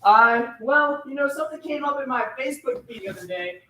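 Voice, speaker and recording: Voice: high voice, lively intonation, brisk, sharp tone, far from the mic, a little hiss or hum, rough recording. A martial arts instructor coaching an online class, upbeat and encouraging, calling out drills and counting down.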